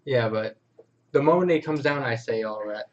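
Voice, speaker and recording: A man's voice: mid-range voice, moderate pace. A man playing a tabletop game, joking in a dry way. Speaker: player. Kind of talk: casual tabletop play. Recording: dull lo-fi sound from off-mic.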